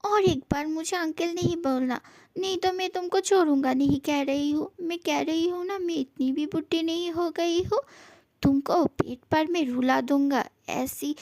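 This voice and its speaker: A woman's voice: high-pitched, gravelly, darkish tone, no echo. A woman voicing a young husband in a fan audio drama, tender and pleading one moment, teasing and mock-threatening the next.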